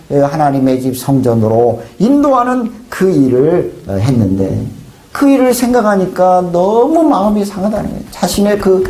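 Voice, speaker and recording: A man preaching a sermon as pastor, lively, often prompting the congregation with quick asides. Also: high-pitched, reverberant. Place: church sanctuary.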